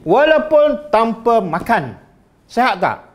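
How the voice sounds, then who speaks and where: A man with a Malaysian Malay accent preaching a religious lecture, firing rhetorical questions at his listeners in an animated way. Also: very high voice, takes it slowly.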